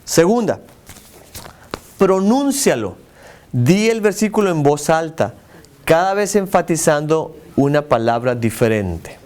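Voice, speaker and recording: A man's voice: a little high, sing-song, a little slow, long pauses, darkish tone. A man teaching a church class. He asks the group questions and stresses single words for emphasis.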